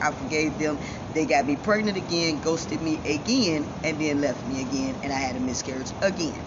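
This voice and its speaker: A woman from giving a defiant, self-assured personal monologue straight to viewers, her speech shaped by missing front teeth. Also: low voice. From Chicago, United States. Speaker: vlogger. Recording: dull lo-fi sound, loud ambient noise.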